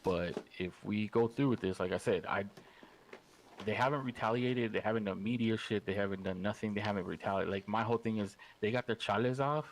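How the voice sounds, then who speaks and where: A man's voice: lowish voice, fairly quick, poor audio. A man speaking in character at a roleplay gang meeting, rambling and repeating himself.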